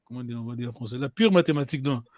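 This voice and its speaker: A man's voice: mid-range voice, rapid-fire, a little mellow, no echo, studio quality. A man teaching a language class, hesitant, restarting his sentences and often checking that students follow. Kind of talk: online language lesson.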